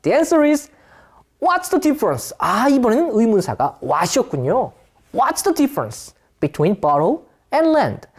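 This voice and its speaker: A woman teaching English vocabulary in an online lesson, reading English phrases slowly and explaining them in quicker Korean. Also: fairly high pitch, big pitch swings, breathy edge. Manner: wide-ranging sing-song teaching intonation.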